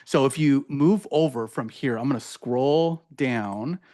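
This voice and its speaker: A man's voice: mid-range voice, unhurried, dark tone. Casual man presenter at an education workshop, chatty and loose, keeps asking "right?". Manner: casual, filler-heavy, says "right?" often. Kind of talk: conference workshop demo.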